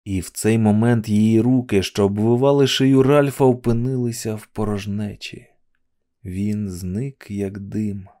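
A man narrating an audiobook dramatically, dropping to a hush in tense passages. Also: lowish voice, fairly even intonation, measured pace.

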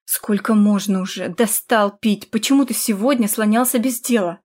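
A woman voicing a haggard, greedy mother in an audiobook, scolding harshly and dragging out her shouts. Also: fairly high pitch, lively intonation, fairly quick, close to an everyday voice.

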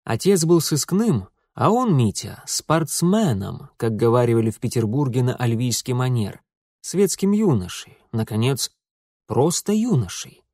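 A man narrates an audiobook in an even, measured way. His voice sits at a middle pitch. The recording is dry and close, with no room sound. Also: husky, no room sound. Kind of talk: scripted narration.

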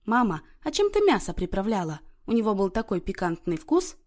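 A woman reading an audiobook, voicing a calm, reserved young daughter. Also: medium pitch, brisk.

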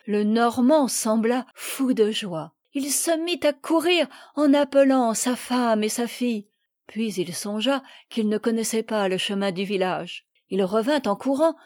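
A woman narrating a children's classic as an audiobook reader, clear and even. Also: a little high, dry recording, clean studio sound. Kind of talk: scripted narration.

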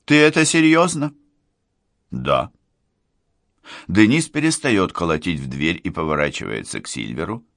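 A man narrates a novel in a deep, low voice. His intonation moves a lot, and his reading is expressive. The recording is dry and close, with no room sound. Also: no echo. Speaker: audiobook narrator.

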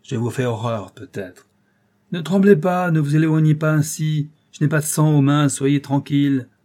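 Furious guilty count, a man voicing him, bitter outbursts, mellow raspy voice. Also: mid-range voice, moderate pace, lightly acted. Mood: anguished confession. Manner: vehement, anguished, bitter. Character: enraged guilt-ridden aristocratic count, older man.

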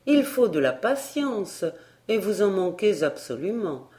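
A woman voicing a calm fairy governess. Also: medium pitch. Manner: calm and measured.

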